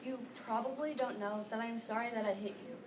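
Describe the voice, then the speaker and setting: A young teenage girl, a student performer, recites scripted monologue lines in a readers theater piece. Her voice is on the high side and steady in tone, a little fast. The recording has an echoey room, a distant mic and background noise.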